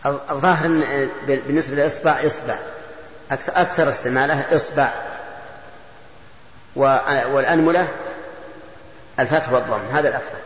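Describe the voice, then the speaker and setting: A man's voice: mid-range voice, fast talker, long pauses. Man lecturing in an echoey hall. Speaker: teacher of religious texts. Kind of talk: classroom lecture explaining grammar and texts. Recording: echoey hall, dull lo-fi sound.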